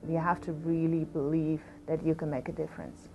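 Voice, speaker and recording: A woman's voice: deep voice, flat delivery, a little fast, lo-fi sound. Passionate woman police officer. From Aruba. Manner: passionate, conversational with frequent fillers. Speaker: police deputy commissioner. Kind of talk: interview.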